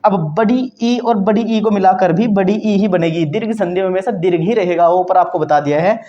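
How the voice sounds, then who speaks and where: A man's voice: high-pitched, brisk, mellow, dull audio. A man teaching a grammar lesson, often checking in with the class and posing questions he then answers. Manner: repeats "ठीक है दोस्तों" and asks quiz-style questions.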